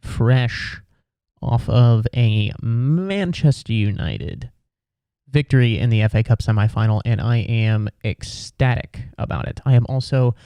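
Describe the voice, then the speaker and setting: A man hosts his solo podcast from home, keeping his voice low and chatty as he rambles and corrects himself. He talks slowly, with a mellow, warm tone. The sound is close and dry. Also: smooth, no room sound. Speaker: podcast host. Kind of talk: casual solo podcast monologue.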